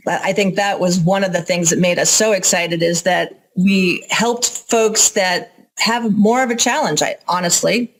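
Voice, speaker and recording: A woman's voice: medium pitch, poor audio. A woman with an American accent speaking as an interview guest, informal and candid as she explains things. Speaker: interview guest, organic farmer and educator. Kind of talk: conversational interview answers.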